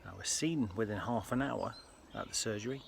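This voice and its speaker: A British man speaking casually to viewers in a personal health vlog, with an earnest, halting delivery. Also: lowish voice, gravelly. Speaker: health vlogger. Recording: faint ambient background noise.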